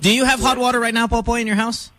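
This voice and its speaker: A man's voice: very high voice, slight background noise. A man from the Philippines hosting a morning radio show in casual, joking banter while fighting a cough. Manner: animated, joking, quick asides. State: has a cough. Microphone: studio microphone.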